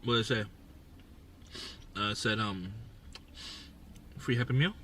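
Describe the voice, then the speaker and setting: A man with a lowish voice hosts a casual live stream a little slowly, chatting offhand with viewers while eating, mouth full. It's recorded on a distant mic with faint background noise.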